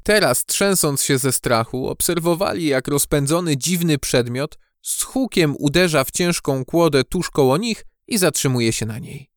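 Give me a man narrating a children's storybook with a lively, expressive delivery, dry and close. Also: a little high, normal speed, hardly any pauses, no echo. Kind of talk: storybook audiobook reading.

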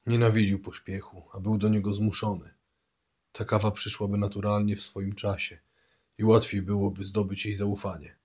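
A man reading a novel aloud as scripted audiobook narration, voicing the dialogue a little louder and livelier than the narration. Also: lowish voice, flat delivery, normal speed, slightly rough.

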